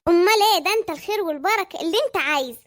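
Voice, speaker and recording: A woman voicing a gossipy, sharp-tongued mother in an Egyptian cartoon, with an Egyptian Arabic accent. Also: very high voice, rapid-fire. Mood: teasing.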